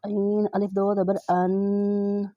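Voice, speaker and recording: A woman with an Urdu accent teaching Quran reading, spelling out each letter and vowel mark slowly and then blending the syllables. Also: mid-range voice, monotone, dark tone, no echo, highs cut off. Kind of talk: slow spelling-out recitation lesson.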